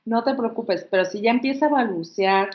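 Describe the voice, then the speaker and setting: A woman's voice: a little high, fairly quick. A woman giving an informal workshop talk, reassuring her listeners and acting out baby sounds as examples. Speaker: child language workshop presenter. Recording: echoey room, slightly dull audio.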